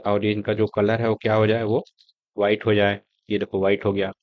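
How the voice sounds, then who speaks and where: A man teaching a screen-recorded coding lesson, talking step by step in a relaxed, conversational way as he types and shows results. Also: lowish voice, brisk, no echo, muffled recording. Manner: conversational, explaining step by step while typing. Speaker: coding tutor.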